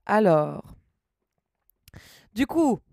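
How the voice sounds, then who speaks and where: A woman's voice: medium pitch, sing-song, drawn-out words, creaky, warm tone, no room sound, clean studio sound. A woman streaming live, chatting casually and reading her chat aloud, laughing often.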